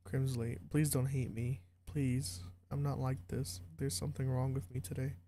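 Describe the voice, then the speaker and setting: A man voicing a shy, anxious bookish teenage girl in a visual novel, soft and pleading. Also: medium pitch, little pitch movement, moderate pace, slight background noise, close to an everyday voice. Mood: distraught.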